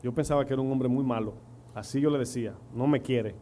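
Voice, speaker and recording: Dominican preacher with a mellow voice. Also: male voice, medium pitch, fast talker. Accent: Dominican Spanish. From Dominican Republic. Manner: storytelling with rhetorical questions. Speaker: pastor. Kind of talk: sermon. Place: church. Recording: faint hum and noise.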